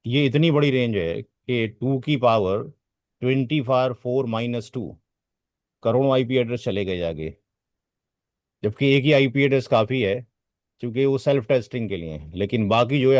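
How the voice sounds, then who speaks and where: A man teaching a networking class, speaking at a medium pitch for a man. He drifts off topic, repeats words to drive a point home and throws rhetorical questions at his students. The recording is dry and close. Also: a little mellow, dry recording. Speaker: networking trainer. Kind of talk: classroom lecture.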